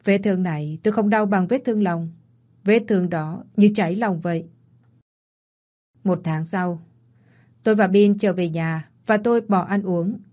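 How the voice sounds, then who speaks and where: A woman narrating a romance story in the first person, reading every character's lines in her own even voice. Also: medium pitch, moderate pace, long pauses. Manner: reads all the parts in one even voice. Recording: soft music behind the voice.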